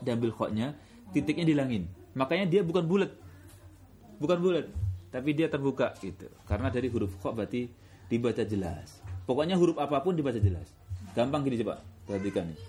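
A man teaching Quran recitation rules in a casual classroom way, often slowing down to demonstrate sounds in a drawn-out voice. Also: mid-range voice. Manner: relaxed, repeats filler words often.

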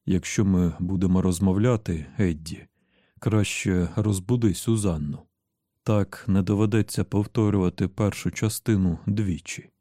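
A grim older gunslinger with a low, dark voice, as an audiobook narrator plays him. He speaks slowly in terse, measured phrases on a dry, close recording. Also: no echo, lightly acted. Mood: grave. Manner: slow, measured, grave. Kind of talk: audiobook character voice.

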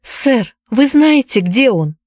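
A desperate young woman in love, put on by a female storyteller, pleading and close to tears. The voice is pitched high above the reader's own and sounds dry and close. It fits a spoken storybook. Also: expressive, moderate pace, mellow, dry recording, lightly acted. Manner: pleading, tearful.

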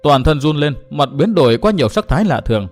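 A man narrating a martial-arts novel in an even storytelling manner. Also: fairly high pitch, fast talker, faint music behind.

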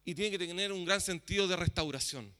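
High bright man preaching in reverb. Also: fairly quick. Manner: many fillers, asks "¿ya?" often. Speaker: worship leader. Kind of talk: sermon.

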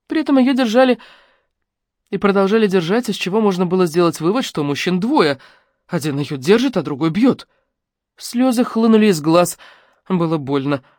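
A woman narrating a novel in a measured, even reading voice. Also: lowish voice, dry recording, studio quality. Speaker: audiobook narrator. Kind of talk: scripted narration.

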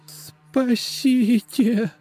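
A man voicing a terrified, cowardly male courtier with a shrill, trembling, bleating voice. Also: steady tone, drawn-out words, dark tone, long reverb tail, soft background music, exaggerated voice.

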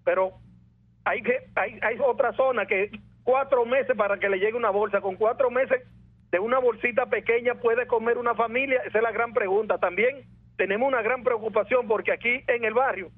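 A man's voice: very high voice, steady tone, normal speed, dry recording. A man with a Venezuelan accent, calling in over the phone to a radio show and earnestly voicing a neighborhood complaint. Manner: earnest, keeps saying "oye" and "hermano". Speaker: caller. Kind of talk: call-in complaint. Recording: dry, tinny phone line.

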